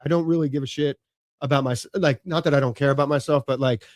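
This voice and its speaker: A man's voice: mid-range voice, fairly even intonation, fast talker, a little mellow, no echo. A man in his late thirties talking casually as a podcast guest, rambling with lots of "you know" and "like" and casual swearing. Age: late 30s. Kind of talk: casual conversation.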